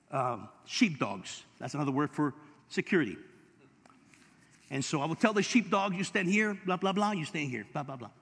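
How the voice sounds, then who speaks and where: A male pastor with a Californian accent preaching a sermon, telling stories and building up to shouts. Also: a little high, husky. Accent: Californian English. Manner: storytelling preacher, rising to shouts. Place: church sanctuary. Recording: long hall reverb.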